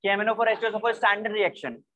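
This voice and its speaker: High-voiced Indian chemistry teacher. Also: male voice, very fast, bright, forceful tone, muffled recording. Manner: explains step by step, mixing English terms, asks students to check. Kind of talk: online class lecture.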